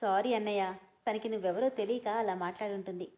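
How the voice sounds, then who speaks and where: A woman voicing a gentle, calm young woman speaking softly to her brother. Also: medium pitch, fairly quick, pitched below the performer's own voice, natural voice.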